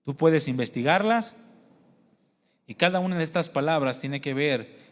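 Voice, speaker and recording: A man preaches earnestly to a congregation, his fairly high voice carrying through a church hall with a long reverb tail. He shares his own testimony and asks the listeners questions, calling them brothers and sisters. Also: moderate pace. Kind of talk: sermon.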